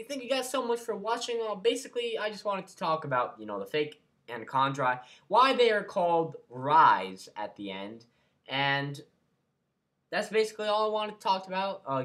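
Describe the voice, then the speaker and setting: A man's voice: medium pitch, fairly bright tone. A man hosting his own fan video channel, talking casually and rambling with lots of fillers and restarts. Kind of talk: casual fan vlog talk.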